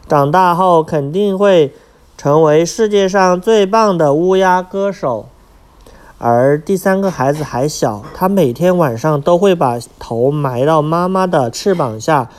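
A man reading a children's picture book aloud, pausing to ask his young listeners questions. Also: fairly high pitch, smooth. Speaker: storyteller.

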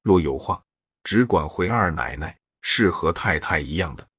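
A man's voice: sits low, lively intonation, normal speed, a bit bright, husky, no room sound, exaggerated voice. A man voicing an attentive middle-aged female servant who speaks in a deferential, explaining way in a storybook reading.

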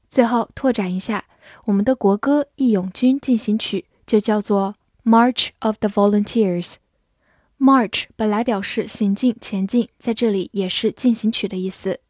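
Female vocabulary tutor, slow deliberate delivery, spells words out, dry studio voice. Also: mid-range voice, darkish tone, no room sound. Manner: slow, careful spelling and model reading. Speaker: English teacher. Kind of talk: vocabulary lesson narration.

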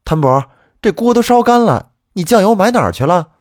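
A man voicing a village mother who yells shrill scolding at her son. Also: big pitch swings, a little fast, no room sound, clean studio sound. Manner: yelling, shrill.

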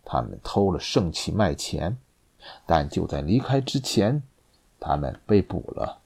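Storybook executioner, deep and solemn, accusing, read by a male narrator. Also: very animated, vocal fry, darkish tone, slightly rough, heavily acted. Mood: grim. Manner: low, slow and solemn. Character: grim avenging executioner, older man.

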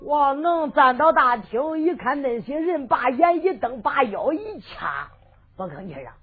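High rhythmic woman storyteller, Henan accent. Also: very animated, unhurried. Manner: rhythmic, declaiming narration. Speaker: zhuizi storyteller-singer. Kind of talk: sung folk storytelling. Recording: tinny lo-fi recording with faint fiddle music.

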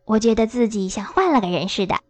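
A soft, hoarse storybook scarecrow, as a woman puts him on. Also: mid-range voice, animated, fast, close to an everyday voice. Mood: wondering. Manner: soft and friendly. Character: straw-stuffed scarecrow, gentle, friendly, hoarse. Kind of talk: storybook reading.

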